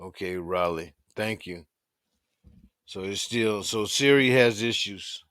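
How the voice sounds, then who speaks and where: An American man in his fifties hosts a casual live video chat with strangers, talking in a laid-back, drawling, repetitive way. His voice is lowish, slow, and fairly bright. The studio-quality audio has no echo.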